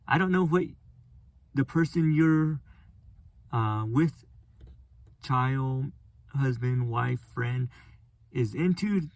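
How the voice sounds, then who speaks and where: A man hosting a casual solo podcast, speaking in a flat, monotone voice and rambling with frequent restarts. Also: mid-range voice, vocal fry, no echo. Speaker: podcast host.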